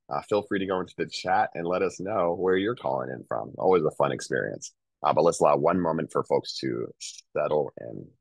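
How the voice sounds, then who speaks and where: Brief: male webinar host, nasal from a cold, upbeat chatter, deep voice, video call audio. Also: no room sound. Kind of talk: webinar hosting. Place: home, calling in.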